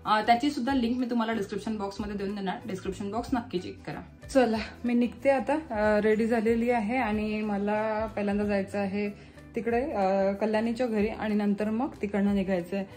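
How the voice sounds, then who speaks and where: A woman's voice: mid-range voice, fairly even intonation, brisk, a little mellow, soft background music. A woman in her thirties with a Marathi accent, chatting casually in her vlog and explaining products step by step. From Maharashtra, India. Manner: chatty, explains step by step, mixes English words into speech. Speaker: vlogger.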